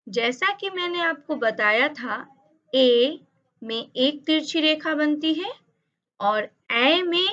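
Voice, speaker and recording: A woman teaching over slides, speaking slowly and carefully and drawing out each sound she spells. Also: a little high, pushed and bright. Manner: drawn-out, emphatic spelling of sounds. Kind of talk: slow, careful lesson narration over slides. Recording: dull lo-fi audio.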